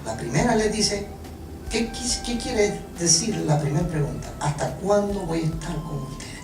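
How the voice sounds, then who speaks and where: A preacher delivers a sermon with lots of swing in the voice, joking with the congregation and tripping over restarts. The sound is distant and roomy, as if picked up across a church hall. Music plays clearly underneath. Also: mid-range voice. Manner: animated, joking, halting restarts. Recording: echoey room from far off, music behind.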